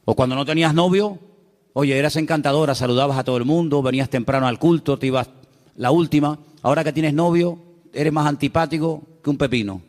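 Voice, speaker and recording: A pastor preaches from the pulpit with a high, ringing voice. He delivers his sermon emphatically, using rhetorical questions and bits of humor. A long church reverb hangs behind every phrase. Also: fairly quick, darkish tone.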